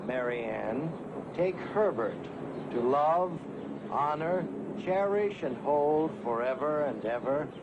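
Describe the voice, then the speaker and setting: A solemn wedding officiant from a 1970s TV comedy, reading the vows slowly in a slightly high voice. The sound is tinny and phone-like, with a clear hiss. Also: male voice, animated. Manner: slow, measured ceremonial delivery.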